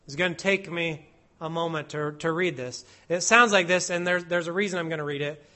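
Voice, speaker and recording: A man preaching an expository sermon, slow and deliberate, stressing each word as he reads out Hebrew and Latin phrases. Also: fairly high pitch, bright, forceful tone.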